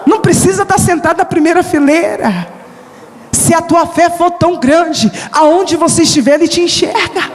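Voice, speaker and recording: High-voiced woman preaching in a hall. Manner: emotional, shouting at peaks, slow drawn-out phrases. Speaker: missionary preacher. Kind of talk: sermon testimony. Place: church hall. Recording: long hall reverb.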